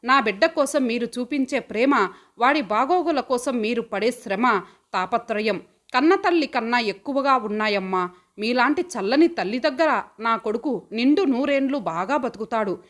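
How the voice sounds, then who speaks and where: A poor young mother who loves her son dearly, from an audio storybook, read by a woman. Her speech is heartfelt and pleading, in a slightly high voice. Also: lively intonation, moderate pace, a bit bright. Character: poor devoted young mother, tender and tearful.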